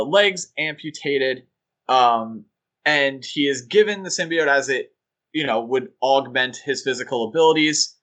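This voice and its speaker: A man co-hosts a podcast, chatting casually and joking around with lots of filler words. His voice is fairly high and fairly bright, captured in a rough recording.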